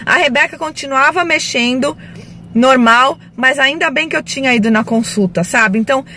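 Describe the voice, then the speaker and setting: A chatty woman vlogger with a bright, high voice speaks earnestly to her audience, checking in with them again and again. Her tone is close and urgent. A soft hum of ambient noise runs under her voice. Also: normal speed. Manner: earnest, warning tone, speaks directly to viewers; chatty, many fillers like "tá?" and "né?". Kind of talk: casual vlog talk to camera.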